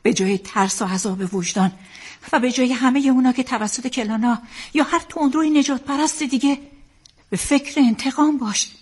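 A calm loving mom and wife, highish husky voice, soothing and firm. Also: female voice. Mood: comforting. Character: loving, steady wife and mother calming her husband. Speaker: dubbing actor. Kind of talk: dubbed drama acting.

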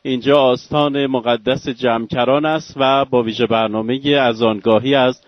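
A man's voice: mid-range voice, steady tone, dry recording. A man hosting a live religious broadcast, speaking in a formal, ceremonious manner. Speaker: host reporting live from a mosque. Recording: dry, dull lo-fi sound.

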